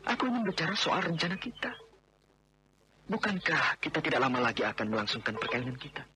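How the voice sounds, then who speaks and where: A man's voice: on the high side, sing-song, quick pace, sharp tone, slight background noise. An actor playing a domineering man who insists on marrying a woman he wronged, in a 1980s radio drama. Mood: frustrated. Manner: insistent, overbearing, then remorseful.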